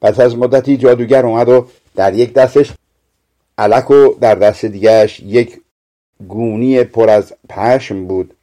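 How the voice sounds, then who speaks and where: A man narrating a fairy tale audiobook in a measured, expressive reading. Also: mid-range voice. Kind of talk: scripted storytelling narration.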